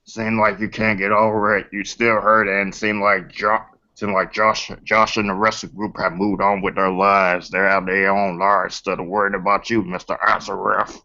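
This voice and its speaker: A man's voice: fairly low pitch, level tone, normal speed, pushed and bright. A man chatting and questioning in a casual, repetitive, stammering way. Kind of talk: casual chat. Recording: dull lo-fi recording.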